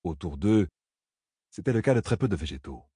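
A man narrating a fantasy novel in a measured storytelling manner. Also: low-pitched, big pitch swings, mellow, husky, dry recording. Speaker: audiobook narrator. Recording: dry close studio sound.

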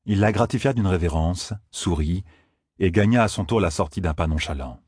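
A man narrates a fantasy audiobook in a very deep, slightly husky voice. His delivery is measured and even. The recording is dry and close to the mic. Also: dry recording.

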